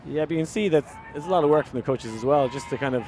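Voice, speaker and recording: A man with an Irish accent calls a live sports match at a very fast clip in a darkish voice. He chats along with fillers, his pitch and volume rising on big plays. A faint crowd and slight background noise sit behind him.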